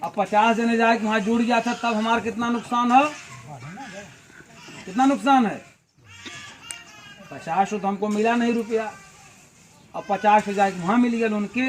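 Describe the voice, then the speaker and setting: A man's voice: sits high, steady tone, normal speed, pauses often, a little hiss or hum. A man giving an outdoor village meeting speech as a party organizer, full of rhetorical questions and folksy analogies.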